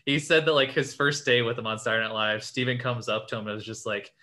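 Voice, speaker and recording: A young man chatting on a podcast, rambling through a story with "like" scattered everywhere. His voice is bright and forward, and his pitch sits in an ordinary middle range. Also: steady tone, quick pace. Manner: rambling storyteller, heavy use of "like". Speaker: podcast host. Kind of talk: casual chat.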